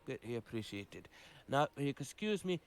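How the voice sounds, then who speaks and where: A man's voice: medium pitch, big pitch swings, normal speed, creaky, clear, resonant tone. A man playing a tired, hungry male adventurer, speaking courteously in a tabletop game. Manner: courteous, slightly formal in character. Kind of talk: tabletop game role-play.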